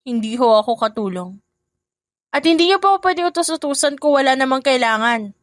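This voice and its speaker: A woman voicing a young stepdaughter who answers back calmly, politely and firmly. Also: sits high, fairly quick, no echo, clean studio sound. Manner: calm, polite and firm. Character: young stepdaughter, calm, polite, newly brave.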